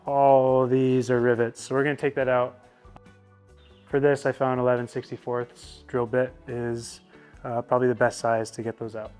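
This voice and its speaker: Young man, mid-pitched voice, relaxed step-by-step explaining, indoor garage, soft background music. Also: moderate pace, clean tone. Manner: relaxed, explanatory, many fillers. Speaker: product installer. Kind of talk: casual how-to walkthrough.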